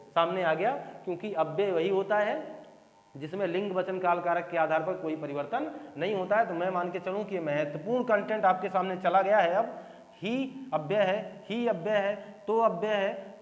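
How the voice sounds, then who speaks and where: A man's voice: high voice, reverberant, in a large hall, rough recording. A man teaching a grammar lesson for exam preparation, repeating each example and checking whether his students follow. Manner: explains by repeating examples, asks students if clear.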